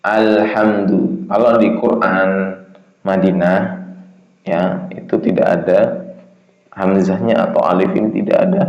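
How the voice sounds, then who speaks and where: A man teaching Quran recitation in a casual lesson, chanting verses long and slow, then explaining them in a relaxed, loose way. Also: deep voice. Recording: echoey, dull lo-fi sound.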